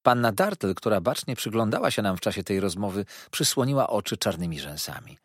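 Narracja powieści, niski męski głos, suche nagranie. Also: male voice, lowish voice, sing-song, a little fast, breathy edge, dry recording, studio quality. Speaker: audiobook narrator. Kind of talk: scripted narration.

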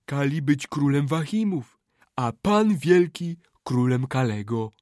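A man's voice: on the high side, expressive, slow, darkish tone, dry recording, studio quality, pitched above the performer's own voice. A man voicing a humble young male king in an audiobook, speaking in broken, submissive phrases. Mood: solemn. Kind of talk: audiobook character voice.

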